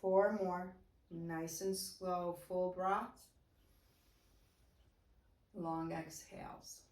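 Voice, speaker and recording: A woman teaching a guided chair yoga class, giving slow, soft-spoken breath cues. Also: fairly low pitch, steady tone, recorded from a distance. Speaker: yoga instructor. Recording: roomy echo, voice away from mic.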